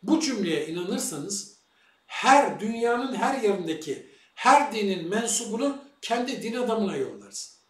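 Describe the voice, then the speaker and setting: A man's voice: high-pitched, sing-song, unhurried, a bit bright. A man giving a lecture-style monologue as a religious commentator, posing rhetorical questions to his viewers. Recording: echoey room, far from the mic.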